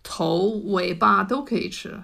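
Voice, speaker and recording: British woman speaking accented Mandarin, creaky voice. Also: mid-range voice, a little slow, bright, forceful tone. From United Kingdom. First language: English. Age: middle-aged. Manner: foreigner speaking Mandarin, simple phrasing with word searches. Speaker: interview guest, food writer and cook. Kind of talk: conversational interview answers.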